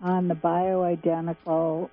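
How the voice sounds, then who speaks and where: A woman's voice: lowish voice, flat delivery, slow pace. A woman in her seventies calling into a radio show, chatty and detailed. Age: 70s. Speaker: caller. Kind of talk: phone-in question. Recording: tinny phone line with faint hum.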